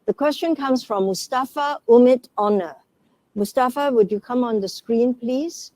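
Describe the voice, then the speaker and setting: A woman moderating a panel discussion, gently inviting speakers and reading out audience questions. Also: fairly high pitch, moderate pace, no room sound.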